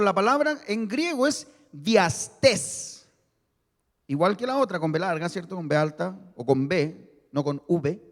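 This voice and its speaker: Pastor guy, high voice, preaching and getting the church to repeat words, lots of hall reverb. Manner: teaching, leads congregation in call-and-repeat; explains word meanings slowly, stresses key words. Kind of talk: sermon.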